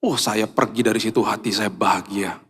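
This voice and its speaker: A male pastor preaching a sermon, telling a personal story with lively acted-out dialogue and English words mixed in. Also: fairly low pitch, a little fast, husky. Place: church. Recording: long church hall reverb.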